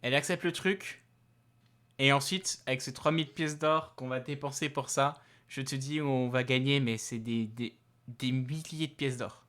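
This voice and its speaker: A man voicing a pushy male arms merchant with a slight Russian accent, pitching his deals in rambling, halting patter. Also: a bit bright, natural voice. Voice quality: rambling salesman patter, full of hesitations.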